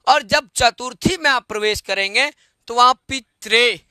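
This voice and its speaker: A male Sanskrit teacher leads an online grammar lesson, speaking slowly and unhurriedly. His voice is very high and ringing bright, smooth and clear. He repeats each form, asks quick questions and chants the declensions in a sing-song way, recorded close and dry. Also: dry recording. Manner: repeats forms and quizzes students with questions.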